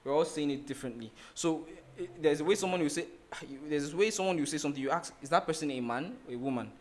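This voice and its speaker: A man's voice: a little high, fast. A man teaching a design lesson over a screen share. He explains in a loose, rambling way, restarting sentences and leaning on "like" as he thinks. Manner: rambling, with many restarts and "like" fillers. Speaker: design instructor.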